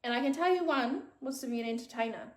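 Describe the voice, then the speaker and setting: Speaking fast in a high voice, a podcast host in her thirties chats alone and casually, her New Zealand accent clear. She's frank and swears freely, and the recording is reverberant.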